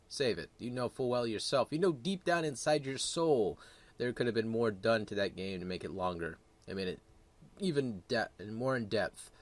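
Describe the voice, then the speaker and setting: A man giving casual, opinionated gaming commentary in a crude, blunt, rambling way, often correcting himself. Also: mid-range voice. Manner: rambling, self-correcting delivery.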